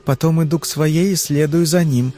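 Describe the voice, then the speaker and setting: A man voicing a frightened young woman under hypnosis, answering in anxious, halting phrases. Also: fairly high pitch, fairly even intonation, warm tone, voice pushed up, lightly acted. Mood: uneasy.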